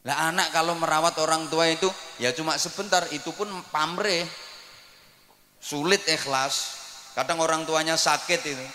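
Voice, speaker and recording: Animated East Javanese preacher, echoey hall. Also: male voice, fairly high pitch, normal speed. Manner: animated, swings from soft asides to shouts. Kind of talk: sermon.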